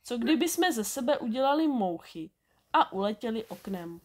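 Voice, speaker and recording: A woman's voice: on the high side, very animated. A woman voicing bossy schoolgirl Šebestová. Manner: brisk and scolding.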